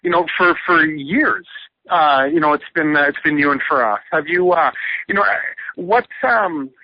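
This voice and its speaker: A man's voice: on the high side, normal speed, no echo. A male reporter asking questions very hesitantly and with stammers on a speakerphone-like press call. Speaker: newspaper reporter. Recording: muffled speakerphone-like phone line.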